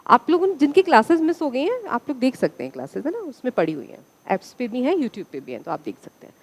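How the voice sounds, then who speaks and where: Woman teacher, classroom lecture, higher voice, lively up-and-down pitch, quizzes the class. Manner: asks the class questions and answers them herself.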